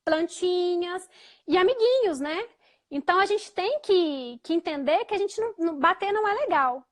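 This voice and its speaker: Very high-voiced Brazilian woman hosting. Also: animated, moderate pace. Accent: Brazilian Portuguese. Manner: hesitant, with frequent restarts and repeated fillers; gentle, soft-spoken when quoting what she tells her child. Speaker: host of a live chat on parenting. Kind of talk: casual explanatory chat.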